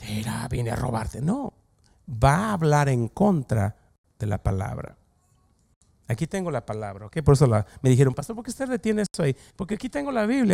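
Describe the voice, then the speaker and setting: A man pastor delivering a lively, humorous sermon, acting out quoted voices and joking with the congregation. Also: fairly high pitch, vocal fry.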